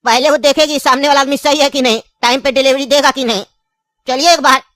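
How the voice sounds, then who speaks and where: A woman's voice: high-pitched, steady tone, fast talker, a bit bright, no room sound. A woman voicing a scheming, insistent old grandfather in a cartoon, speaking with a tinge in a pleading, long-winded way. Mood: coaxing.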